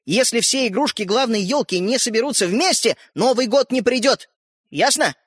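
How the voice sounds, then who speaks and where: A man's voice: very high voice, animated, a bit bright, slightly rough, dry recording, studio quality, pitched above the performer's own voice, heavily acted. A man voicing a touchy, boastful tiny fairy-tale hero who lectures and takes offence easily, in a storybook reading. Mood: urgent. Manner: huffy, lecturing, quick to take offence.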